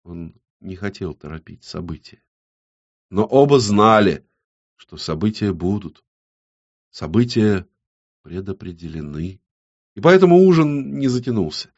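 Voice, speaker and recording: A man with a lowish voice reads an audiobook aloud, keeping his delivery measured and intimate. The recording sounds muffled and lo-fi, with the top end dulled. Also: sing-song, darkish tone. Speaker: audiobook narrator. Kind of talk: scripted audiobook narration.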